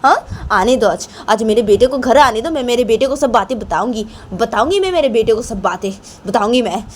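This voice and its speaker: A woman's voice: on the high side, animated, brisk, slight background noise, voice pushed up, natural voice. A woman voicing a suspicious, touchy grandmother who scolds in accusing, repeated questions. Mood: angry.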